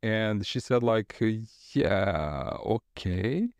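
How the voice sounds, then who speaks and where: Laid-back man, fairly low voice. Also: extremely slow, clear, resonant tone, no echo. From Croatia. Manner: relaxed, rambling with frequent fillers and laughs. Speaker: guest artist. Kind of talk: casual interview talk. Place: studio.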